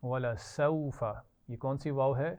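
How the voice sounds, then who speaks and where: A woman teaching Quran recitation to children, modelling each word slowly for the class to repeat. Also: a bass voice, steady tone, mellow, smooth. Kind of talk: slow call-and-response recitation lesson. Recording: tinny lo-fi online class audio.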